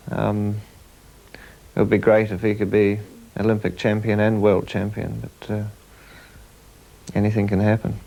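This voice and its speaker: Flat-toned New man over music. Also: on the low side, gravelly, low-quality recording. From New Zealand. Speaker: horse rider. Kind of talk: documentary interview.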